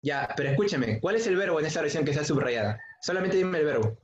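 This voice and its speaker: A secondary school English teacher with a slightly high voice and lively intonation talks at a quick pace while giving an online grammar lesson. He patiently repeats the key points and calls on students by name with questions. The recording has a dull, echoey room sound.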